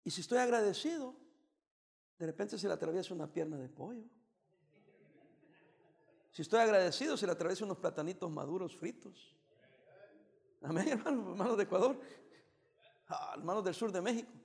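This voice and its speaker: Gravelly high-voiced pastor, teasing sermon. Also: male voice, lively intonation, brisk, long pauses, in a large hall. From El Salvador. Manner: playful, teasing preaching with bursts of emphasis. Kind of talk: joking sermon.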